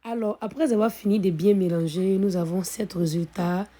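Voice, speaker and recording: A woman hosting a cooking video, calmly narrating each recipe step, her voice a little hoarse from being ill. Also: mid-range voice, moderate pace. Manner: calm, methodical, repeats set phrases. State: slightly hoarse from illness. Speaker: cooking channel host.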